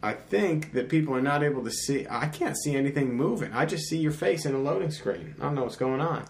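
A man's voice: mid-range voice, lively intonation, fairly quick, gravelly. A man co-hosting a livestream podcast, reading listener messages in a laid-back, profane way. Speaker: podcast co-host. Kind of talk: casual profane livestream chat.

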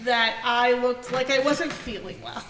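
Slow, halting woman running a tabletop game. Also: a little high. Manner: halting, frequent fillers and self-corrections. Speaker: game master. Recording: echoey room, off-mic, background noise.

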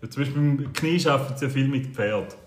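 A man's voice: mid-range voice, fast. A man speaking with a Swiss German accent chats loosely and tells his anecdotes bluntly, with the odd swear word. His voice sits in the middle register. The room around him rings with echo. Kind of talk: casual chat.

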